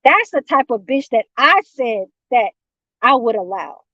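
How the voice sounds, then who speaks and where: A woman from San Francisco rants heatedly on a livestream, swearing nonstop and rambling confrontationally. Her slightly high voice is very animated but a little slow, and the stream audio is dull, lo-fi and dry.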